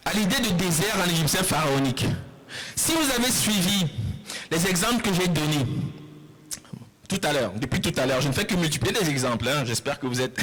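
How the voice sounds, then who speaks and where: A man giving a public lecture, explaining step by step, repeating words slowly and putting questions to the audience. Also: a little high, fairly bright tone, low-quality recording. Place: lecture hall.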